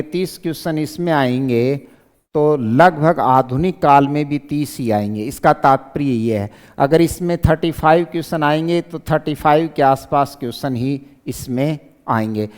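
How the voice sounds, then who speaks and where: A man's voice: on the high side, a little mellow. A man teaching an exam syllabus lecture, asking and answering his own questions and repeating key points. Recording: clear voice with long reverb.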